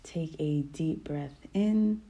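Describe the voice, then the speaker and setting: A woman guiding a meditation in a calm, soft voice that often drops to a whisper. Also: low-pitched, slow, dull audio. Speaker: podcast host. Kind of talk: guided meditation.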